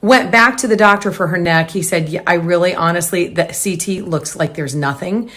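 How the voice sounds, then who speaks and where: Low-voiced woman, hurried chatty blogger. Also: a bit bright. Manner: hurried, rambling with restarts. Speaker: home decor blogger. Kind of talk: casual talk to camera.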